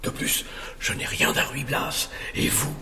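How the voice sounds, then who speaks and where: An actor playing a fussy lawyer who whispers peevish protests while sneaking around. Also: male voice, a little slow, roomy sound, background noise, close to an everyday voice. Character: fussy, indignant male lawyer sneaking about.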